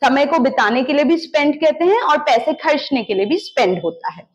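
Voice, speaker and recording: Woman, English teacher, high-pitched, coaxing, slow repeated drills, spoken grammar lesson. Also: expressive, dull audio. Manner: drills word forms in slow repeated chants; coaxing, checks in with "clear?".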